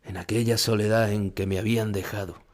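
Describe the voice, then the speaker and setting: A low-voiced Spanish actor plays a famous older bullfighter narrating a radio drama in the first person, remembering his dead rival. His delivery is solemn, emotional and lightly acted, brisk and level with a darkish tone, carrying grief that haunts him.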